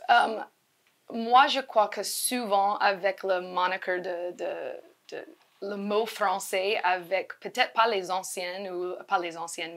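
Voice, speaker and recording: A woman answers interview questions as a school director. She speaks slowly and haltingly, repeating small words as she goes. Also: medium pitch, fairly bright tone. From Louisiana, United States. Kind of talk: conversational interview.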